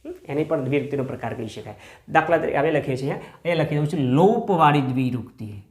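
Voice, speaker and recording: A man teaching a grammar lesson. He poses questions to the class, says example words slowly, and checks in with "hm?". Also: a little high, lively intonation. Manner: asks the class rhetorical questions. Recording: echoey room.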